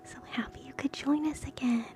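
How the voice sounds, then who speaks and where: A woman hosts a live ASMR stream in a soft, breathy whisper, gentle and soothing, drifting between guided relaxation and quiet chatter. Her voice sits high, with fairly even intonation, and she speaks fairly quickly.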